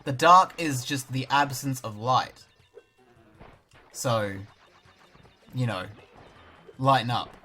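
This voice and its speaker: A man's voice: mid-range voice, bright, forceful tone. A young Australian man giving casual let's-play commentary, with dry, self-mocking jokes. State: talking with a mouth full of banana at times. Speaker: gaming YouTuber.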